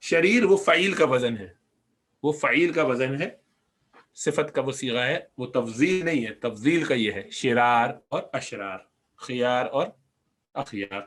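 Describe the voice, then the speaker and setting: Husky and a bit bright in the mid-range, a man's voice with a Pakistani Urdu accent carries a recorded Arabic grammar lesson. He patiently explains, slowly repeats words, and asks the class questions.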